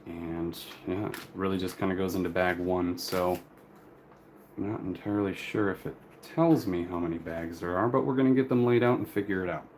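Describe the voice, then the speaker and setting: A man hosts a casual, unscripted live stream, rambling and apologizing as he works with his hands. His voice is low, a little mellow, and at a normal speed, heard clearly over crinkling plastic bags and rustling paper.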